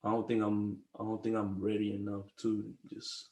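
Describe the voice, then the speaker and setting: A man's voice: fairly low pitch, completely flat delivery, normal speed, mellow, roomy sound. A man in his twenties from the Congo, a podcast guest talking casually and rambling, with slang and frequent restarts. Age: 20s. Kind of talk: casual conversation.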